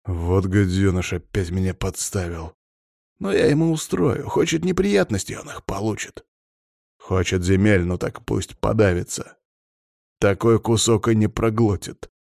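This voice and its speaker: A man's voice: fairly low pitch, unhurried, vocal fry, a little mellow, dry recording, clean studio sound. A man voicing a nervous, spineless middle-aged male nobleman who mumbles defensively. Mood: muttering.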